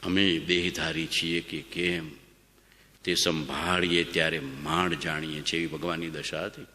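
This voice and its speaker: A man's voice: extremely low pitch, flat delivery, unhurried, pushed and bright. Man preaching in a reverberant hall. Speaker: spiritual discourse speaker. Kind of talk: devotional sermon.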